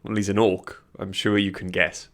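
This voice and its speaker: A man acting as game master, narrating and refereeing a tabletop game in a dramatic, measured way. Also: low voice, level tone.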